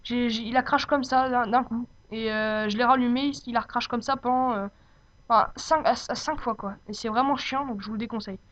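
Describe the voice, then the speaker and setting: A woman with a fairly high voice presents a casual software tutorial. She talks off the cuff and often hesitates to find the next word. The sound is dull and lo-fi, like a cheap home microphone. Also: fairly even intonation, fairly quick. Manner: hesitant, searching for words. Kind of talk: informal unscripted software tutorial.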